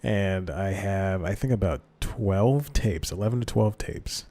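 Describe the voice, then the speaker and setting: A young man hosts a casual solo podcast, speaking into a desk microphone in a low-pitched, mellow, unhurried voice. He rambles with many fillers and self-corrections.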